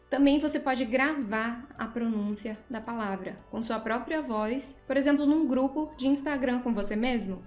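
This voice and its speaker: A Brazilian woman, an English teacher giving an online masterclass, talking in a lively, encouraging, casual way. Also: fairly high pitch, echoey room. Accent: Brazilian Portuguese.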